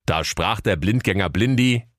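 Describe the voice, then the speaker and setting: Deep-voiced man narrating a comic fairy tale. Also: animated, moderate pace, fairly bright tone, dry recording, studio quality.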